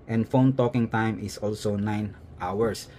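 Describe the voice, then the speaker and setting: Slight background noise accompanies this man's lowish, warm voice, which stays steady as he takes things slowly. Speaking with a Filipino accent, he gives a casual vlog-style unboxing and review, talking it through and often adding a tag question.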